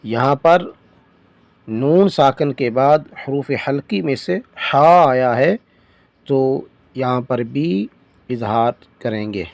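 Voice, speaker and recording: A man teaching Quran reading, spelling each syllable out slowly and then explaining the rule quickly. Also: mid-range voice, expressive, gravelly, dry recording. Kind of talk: Tajweed lesson, spelling out syllables.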